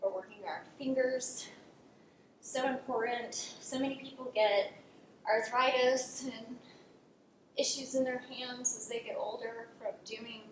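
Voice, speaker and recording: A woman's voice: fairly high pitch, steady tone, unhurried. Soothing female yoga instructor, encouraging cues and counts, heavily echoing room, distant mic with faint noise. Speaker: yoga instructor leading a class. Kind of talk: guided exercise instruction with counting.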